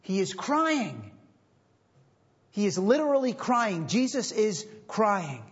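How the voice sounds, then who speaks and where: A man's voice: high voice, sing-song, slow, slightly rough. A man preaching a sermon as pastor, emphatic and repeating phrases for stress, on a dull lo-fi recording.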